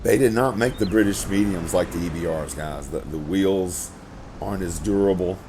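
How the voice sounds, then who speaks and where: With music playing behind him, a middle-aged gaming video host talks at a moderate pace in a low-pitched, crackly, gravelly voice. Recording indoors at his home setup, he rambles through casual commentary, repeating words and cursing when irritated.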